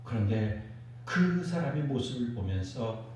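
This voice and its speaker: A man preaching a sermon as pastor, animated and leading the congregation in responses. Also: medium pitch, a little slow, distant mic, a little hiss or hum. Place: church sanctuary. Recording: echoey church hall, mic from afar.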